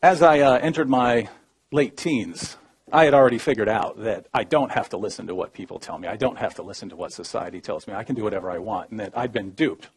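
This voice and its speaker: A man in his thirties giving a personal testimony as a debater, in a measured, low-key storytelling manner that often drops quiet. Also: slightly rough.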